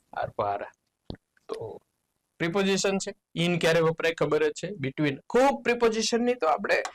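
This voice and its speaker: Gujarati guy teaching english vocab, slow, spells words out letter by letter, pitch jumps on key words. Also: low-quality recording. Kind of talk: exam solution lesson.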